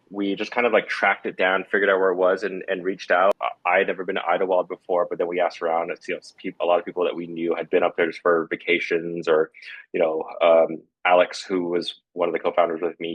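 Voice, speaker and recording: A man's voice: deep voice, husky, no echo, lo-fi sound. A man talking casually in an interview, in a rambling, conversational way. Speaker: festival co-founder.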